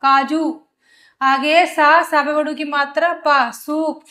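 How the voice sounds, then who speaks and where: A woman's voice: sits high, steady tone, takes it slowly, sharp tone. A woman teaching children to read, sounding out each syllable and then blending it into a word, often asking the learners questions. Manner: asks rhetorical questions of the learners. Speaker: Hindi teacher. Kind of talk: slow syllable-by-syllable reading lesson for children.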